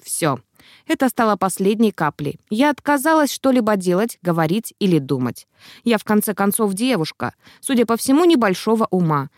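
A woman reading a first-person novel aloud with an expressive, wry inner-monologue delivery. Her voice sits at a middle pitch, and the recording is dry and close. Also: moderate pace, no room sound. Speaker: audiobook narrator. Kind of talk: first-person fiction narration.

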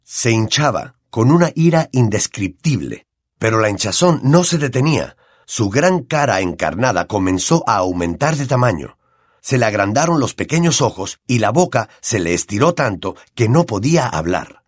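An expressive male audiobook narrator with a Latin American Spanish accent, his pitch moving lively through the story. The recording is close and dry, with no room sound. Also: moderate pace, no echo. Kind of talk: scripted narration.

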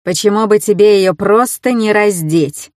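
A woman voicing a cruel young masked man who speaks with a slow sneer. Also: medium pitch, no room sound, studio quality, lightly acted. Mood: taunting.

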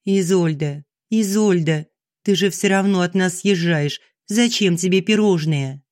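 A man's voice: sits high, measured pace, darkish tone, no room sound, clean studio sound, pitched above the performer's own voice. A man reading an audiobook, voicing an exuberant young female student who jokes with her friends. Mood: playful. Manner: playful, exuberant. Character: lively, boisterous young woman, a boxer.

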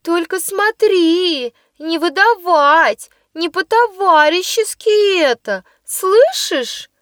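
A woman's voice: very high voice, expressive, no echo, studio quality, voice pushed up, heavily acted. A woman voicing a plump little schoolgirl who issues warnings. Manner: slow, warning. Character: plump round schoolgirl, threatening.

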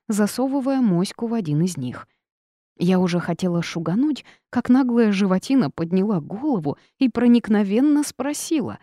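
A woman reading a first-person audiobook with lively, wry storytelling. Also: medium pitch, dry recording, studio quality. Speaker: audiobook narrator.

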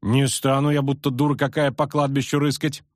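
A man's voice: medium pitch, little pitch movement, a little fast, no echo, studio quality, voice pushed up, close to an everyday voice. Fierce curt woman archer, as a man reads her. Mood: scornful. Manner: terse, clipped, through gritted teeth.

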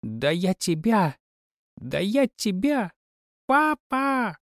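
A man's voice: sing-song, unhurried, a little mellow, no echo, studio quality. A man voicing a spoiled, capricious young princess who whines and throws tantrums. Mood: screaming. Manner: shrill, whiny, throws tantrums.

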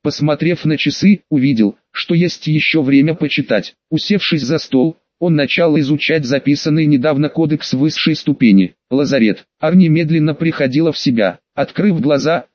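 Male audiobook narrator, somewhat high voice, dry lo-fi recording. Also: moderate pace, few pauses, a little mellow, no room sound. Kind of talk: scripted narration.

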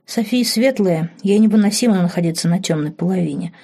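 A woman's voice: lowish voice, animated, brisk, mellow. A woman reading an audiobook voices a stern, worried teenage girl who speaks hurriedly.

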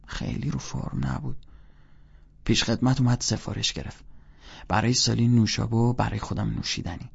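Man reading an audiobook quietly, casual tone, dull lo-fi recording. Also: lowish voice, creaky, husky. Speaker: audiobook narrator. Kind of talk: first-person audiobook narration.

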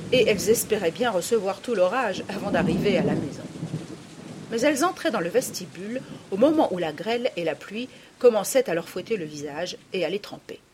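A woman narrating a storybook with expressive, animated reading. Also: mid-range voice, noisy background.

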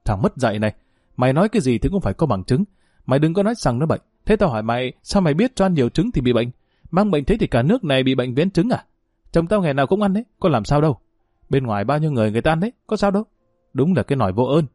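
A man voicing a sharp-tongued, quarrelsome older aunt in a spoken family drama. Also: mid-range voice, expressive, no room sound, clean studio sound, natural voice. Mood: scolding, furious. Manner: harsh, berating, rapid tirades.

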